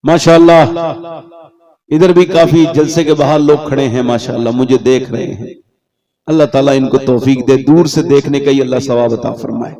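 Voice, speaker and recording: A man preacher giving a religious sermon at an outdoor gathering, animated and asking the audience rhetorical questions over a microphone. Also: medium pitch, normal speed. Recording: loud crowd at an outdoor gathering.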